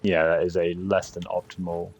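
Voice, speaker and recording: A man's voice: low-pitched, level tone, moderate pace, gravelly, darkish tone, breathy edge, low-quality recording. A man chatting casually while playing a game on stream, easygoing with dry remarks and offhand swearing. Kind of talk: casual chat while gaming.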